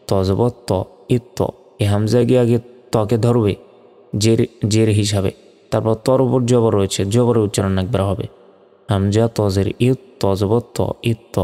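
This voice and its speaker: A man teaching Quran reading, patiently spelling out letters and vowel marks and repeating each sound in a steady drill. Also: fairly low pitch, in a large hall. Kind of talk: spelling-out recitation lesson.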